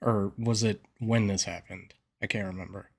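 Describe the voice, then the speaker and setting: A man's voice: on the low side, fairly even intonation, moderate pace, creaky, slightly rough. A man co-hosting a wrestling podcast, talking casually in a rambling, hesitant way. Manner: rambling, hesitant, many fillers and restarts. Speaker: podcast co-host.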